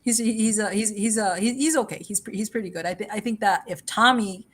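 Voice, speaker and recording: A woman with a medium-pitched, slightly bright voice talks a little fast while hosting a livestream. Her chat is casual and rambling, with repetition, plenty of laughter, and a mix of English and Spanish.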